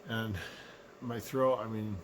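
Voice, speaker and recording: Middle-aged man, sick with a sore throat, low unhurried vlog rant, some room noise behind him. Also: level tone. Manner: low, unhurried, subdued delivery. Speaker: vlogger. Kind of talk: casual personal rant to camera. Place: small living room indoors.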